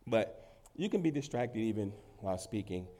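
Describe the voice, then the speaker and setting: A man preaching a sermon to his congregation as pastor while he has a cold. He swings between loud emphasis and quiet asides and laughs easily. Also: lowish voice, expressive, normal speed. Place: church in front of a congregation.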